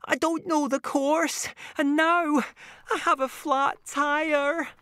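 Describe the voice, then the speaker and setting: A woman's voice: high voice, fairly even intonation, slow pace, sharp tone, no echo, clean studio sound, voice pushed up, full character voice. A woman voicing a tired, downcast male robot ninja in a children's storybook. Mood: weary. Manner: weary and downcast.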